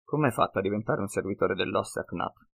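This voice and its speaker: A man's voice: on the low side, fairly quick, creaky, slightly rough, no echo, full character voice. Man playing an earnest young knight. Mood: earnest, wary.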